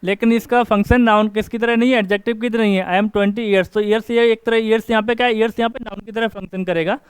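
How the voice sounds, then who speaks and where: A man teaching an English grammar class, asking questions and answering them himself and reading example sentences slowly. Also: high voice, steady tone, clean tone, no echo. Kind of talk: classroom lecture. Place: coaching class.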